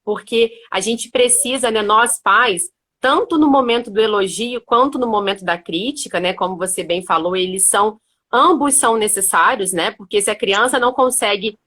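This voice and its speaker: A woman's voice: medium pitch, normal speed, a bit bright. A woman hosting a casual chat on parenting, explaining her points in a thoughtful way and often checking in with "né?". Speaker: host.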